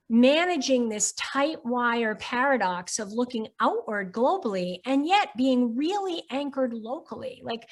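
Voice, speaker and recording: A woman hosting a question-and-answer session, articulate and playful as she leads into her questions. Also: sits high. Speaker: host. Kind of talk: hosting a live Q&A.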